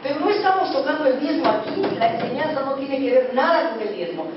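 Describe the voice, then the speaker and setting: A high-voiced man preaches a sermon, pressing his points loudly and then sinking to hushed tones. The recording comes from a distance in a very echoey church hall. The sound is dull and carries a steady hiss of noise. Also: a little fast. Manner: emphatic preaching, swings from loud to hushed. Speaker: pastor.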